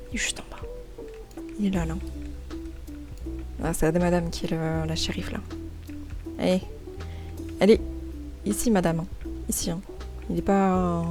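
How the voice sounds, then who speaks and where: A chatty woman with a slightly low voice narrates her gaming and drawing in a loose, excitable way, tripping over and repeating her words. She talks into a desk microphone at home, with faint music playing underneath. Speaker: gaming and art YouTuber. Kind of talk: casual gaming and drawing commentary.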